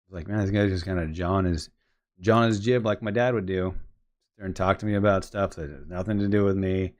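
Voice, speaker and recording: A man's voice: deep voice, fairly quick. A man talking casually as he edits photos, telling a long story in a rambling way and narrating his editing steps aloud. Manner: rambling, retells conversations with quoted voices. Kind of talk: casual storytelling while working.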